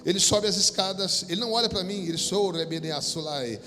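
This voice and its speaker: High-voiced Brazilian pastor preaching in a hall. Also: male voice, fairly quick, sharp tone, soft background music. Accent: Brazilian Portuguese. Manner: preaches in swelling bursts, then drops low to tell a story. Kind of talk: sermon. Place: church hall. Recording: long reverb of a church hall.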